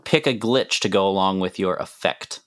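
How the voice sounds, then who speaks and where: A man with a lowish voice works as game master. He narrates the tabletop action casually, in plain conversational phrases. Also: normal speed, a bit bright.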